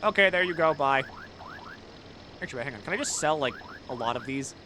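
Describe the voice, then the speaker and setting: A man with a slightly high voice and a cold, chatting loosely over his gameplay stream. He rambles, swears freely and jokes around, sliding from half-mumbled asides to sudden loud bursts when he commits to a bit. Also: expressive, a little fast, a little hiss or hum. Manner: rambling, joking, swears often, swings from mumbling to loud bits. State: has a cold. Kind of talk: casual gaming stream chat.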